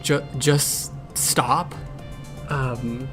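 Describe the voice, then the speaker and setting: Speaking very slowly with a mid-range voice and fairly even intonation, a man plays a grumpy cat medic for a cartoon fandub. His delivery is dry, sarcastic and blunt in an improvised-feeling fan Q&A, set over loud background music.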